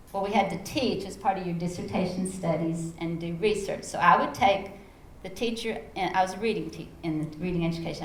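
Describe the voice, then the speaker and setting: Speaking in a mid-range voice with a Texan accent, a middle-aged woman animatedly recounts her teaching experiences on a conference panel, performing her own quoted lines. The room echoes, and faint background noise can be heard.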